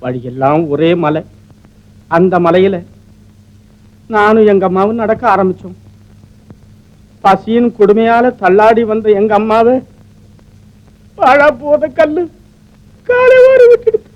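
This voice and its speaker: Weepy young doctor from an old 50s melodrama, high voice, choked up. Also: male voice, lively intonation, measured pace, long pauses, darkish tone, highs cut off. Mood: grieving. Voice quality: choked, tearful delivery. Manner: emotional, theatrical storytelling. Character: young male doctor, grieving and tearful. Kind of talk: 1950s film melodrama acting.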